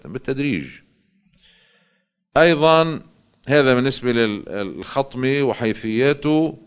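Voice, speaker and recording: Levantine Arabic male cleric giving a religious lesson, very deep smooth voice, explanatory style with rhetorical questions, dull lo-fi recording.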